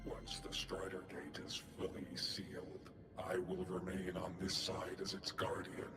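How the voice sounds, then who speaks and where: A man performs a solemn, dutiful giant guardian mech in a video game, a character slowly learning feeling, speaking in formal robotic phrasing and announcing clipped one-word headers before statements. His low, monotone voice is measured and a bit bright, solemn and earnest in mood. Game music plays under a cavernous echo.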